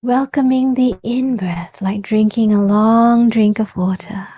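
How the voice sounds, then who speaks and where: A woman with a fairly high, mellow, soft-edged voice guides a body scan meditation very slowly and calmly. Short encouraging phrases are separated by pauses. It's recorded close and dry, with no echo.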